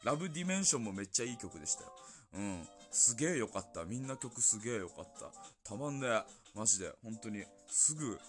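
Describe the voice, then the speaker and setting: A young man hosting a casual solo talk show, gushing excitedly about games and music with many fillers. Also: on the low side, quick pace. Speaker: podcast host. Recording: faint music behind.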